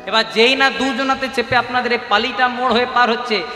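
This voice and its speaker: High bright male kirtan singer. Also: fast talker. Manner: animated, coaxing, jokey storyteller. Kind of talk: devotional talk and call-and-response kirtan. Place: live devotional gathering in a reverberant hall. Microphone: handheld stage microphone. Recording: echoey live hall with music.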